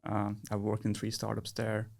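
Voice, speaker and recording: A man's voice: on the low side, monotone, moderate pace, creaky, a little mellow. A young man from Nepal, a podcast guest, speaking in a casual, hesitant interview manner with frequent restarts. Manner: hesitant, many restarts and fillers.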